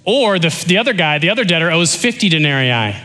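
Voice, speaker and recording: Animated, joking male preacher. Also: a little high, fast talker. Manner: animated, joking, conversational preaching that drops to quiet intensity. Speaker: pastor. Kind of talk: sermon.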